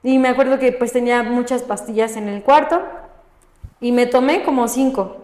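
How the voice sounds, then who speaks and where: High-voiced woman telling her testimony. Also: normal speed, a little mellow. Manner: frequent questioning tag "¿no?" after phrases. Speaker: guest sharing her testimony. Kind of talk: personal faith testimony in a podcast conversation. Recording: echoey room with long reverb.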